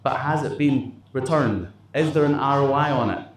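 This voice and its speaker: A man's voice: mid-range voice, moderate pace. A man leading a company staff meeting, blunt and motivational, swearing casually as he talks. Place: office meeting room, indoors. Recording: roomy echo with faint background noise.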